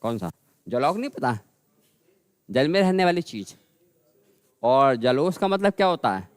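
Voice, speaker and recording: A man teaching a grammar lesson, repeating words slowly and calling his students "bhai". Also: mid-range voice, very animated, clear, resonant tone, dry recording. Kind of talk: classroom lesson.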